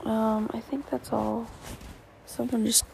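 A woman's voice: a little high, little pitch movement, slow, darkish tone, a little hiss or hum. A teenage girl chatting casually to the camera, rambling with lots of fillers and slipping into whispers. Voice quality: gravelly creaky voice, often whispering. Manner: rambling, giggly, full of fillers like "like" and "um". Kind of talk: casual vlog chat.

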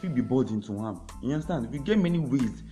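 A man's voice: mid-range voice, lively intonation, fast, warm tone, faint music behind. A man with a Nigerian accent explaining his view in Nigerian Pidgin, in a casual debate, checking that he is understood.

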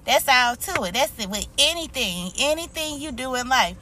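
Bright-voiced American woman, motivational life coach. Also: high voice, lively intonation, normal speed, slight background noise. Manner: motivational life-coach encouragement, emphatic repetition. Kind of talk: informal motivational talk to online followers.

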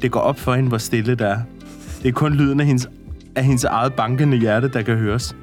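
A man's voice: mid-range voice, steady tone, faint music behind. A man reading a story aloud to a co-host, often breaking into laughter and adding comments. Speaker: podcast co-host.

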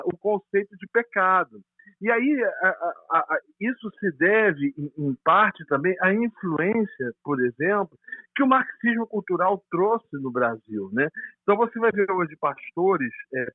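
A male pastor with a Brazilian Portuguese accent talks over a narrow, tinny phone line, his voice pitched high. He explains doctrine earnestly, often restarting phrases as he hunts for words. The line is dry and close, with no room sound. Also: no echo. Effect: heard over a phone line. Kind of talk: theological discussion on a call.

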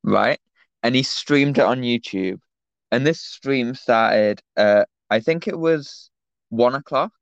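A teenage guy co-hosting a casual podcast over an online call tells a rambling story packed with fillers. His medium-pitched voice is slow with vocal fry, and the recording is dry and lo-fi.

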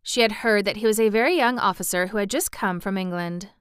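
A woman narrating a storybook aloud in an expressive way, now and then adding brief asides of her own. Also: medium pitch, fast, smooth, dry recording, clean studio sound. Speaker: audiobook reader.

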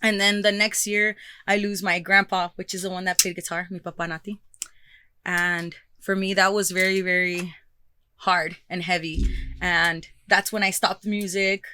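A woman's voice: lowish voice, level tone, takes it slowly, sharp tone, clean tone. A woman musician, a guest in an interview, talking openly and switching freely between English and Spanish. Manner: open and reflective. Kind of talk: candid interview conversation.

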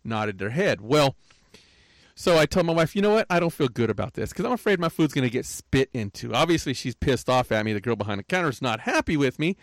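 A man's voice: mid-range voice, no echo. An older man telling a rambling, aggrieved story in a casual rant, often tagging his lines with "right?". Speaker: podcaster.

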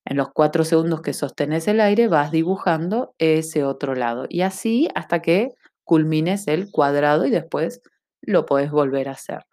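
A woman's voice: low voice, expressive, moderate pace, darkish tone. A woman guiding a breathing lesson as an instructor, explaining step by step and checking understanding with short questions.

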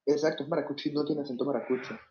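A young man in casual chat, throwing in quick teasing banter. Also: fairly high pitch, level tone, warm tone. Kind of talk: casual chat among friends. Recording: slightly muffled lo-fi recording.

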